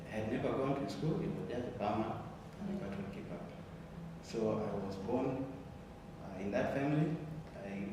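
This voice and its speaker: Young guy from south sudan, lowish voice, slow earnest telling, echoey room, mic far off. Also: background noise. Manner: earnest, deliberate, repeats words when searching. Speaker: interviewee. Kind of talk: interview, personal story.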